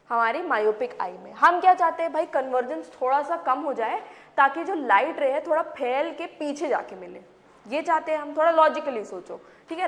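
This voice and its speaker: A woman's voice: high voice, a bit bright, long reverb tail. A woman teacher with an Indian accent, giving a classroom science lecture in a questioning, coaxing manner. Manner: asks questions and answers them herself, calls students beta.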